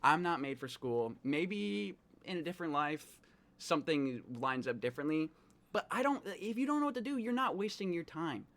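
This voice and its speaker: A man's voice: on the high side, very animated, moderate pace, fairly bright tone. An American man co-hosting casual reaction commentary in a slangy, informal way. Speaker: reaction video co-host.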